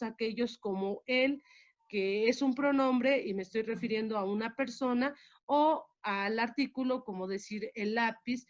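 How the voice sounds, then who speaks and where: Woman, teacher, measured explanatory lesson, fairly high voice, dull lo-fi sound. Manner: measured, explanatory, stresses key words. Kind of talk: spoken grammar lesson.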